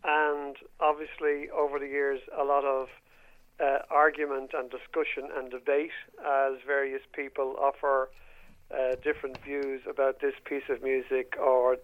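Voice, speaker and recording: A man's voice: mid-range voice, level tone, a little slow. A man from Ireland answering questions over a phone line, so his voice sounds thin and tinny. He works as a music journalist and author. He talks in a reflective way. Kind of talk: interview answers.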